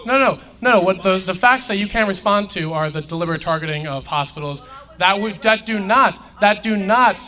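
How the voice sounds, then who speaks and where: A young man arguing insistently in a heated debate, cutting in with quick denials. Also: high voice, bright, forceful tone, big-room sound. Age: young adult. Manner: insistent, interrupts with rapid denials. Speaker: student activist in a debate.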